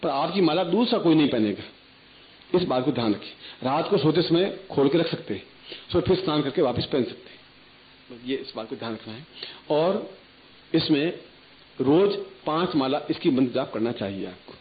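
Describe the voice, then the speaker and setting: A man's voice: on the high side, lively intonation, normal speed, slight background noise. A man giving a spiritual discourse as guru, instructing listeners and chanting mantras rhythmically. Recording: tinny phone-like archival recording.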